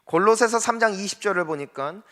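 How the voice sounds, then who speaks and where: A man preaching a sermon with a bright, forceful voice pitched a little high. He keeps asking his congregation questions, in earnest. His voice rings with the long reverb of a church hall. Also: animated, brisk. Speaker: senior pastor. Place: church sanctuary.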